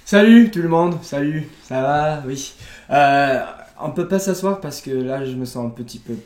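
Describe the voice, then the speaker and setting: A man's voice: mid-range voice, unhurried. A man with an English accent, a native English speaker, trading mock-posh, sarcastic jabs as a guest in a comedy sketch. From England. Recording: echoey room.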